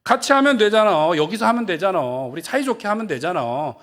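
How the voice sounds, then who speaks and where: A man's voice: high voice, very animated, fairly quick, a bit bright, voice pushed up. A man preaching a sermon, playing a coaxing tempter spirit in a sermon retelling. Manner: coaxing, wheedling persuasion. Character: sweet-talking tempter spirit, coaxing and soft.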